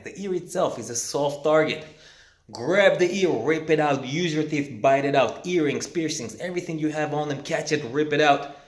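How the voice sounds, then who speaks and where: Man teaching instructors, echoey room. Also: medium pitch. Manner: energetic question-and-answer teaching. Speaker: self-defense instructor. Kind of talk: instructor training talk.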